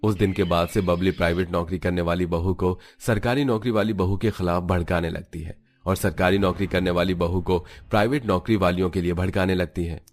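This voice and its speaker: A man narrates a family cartoon in a steady storytelling style. His voice is very low and deep, and he reads the script evenly from scene to scene. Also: a little fast, few pauses.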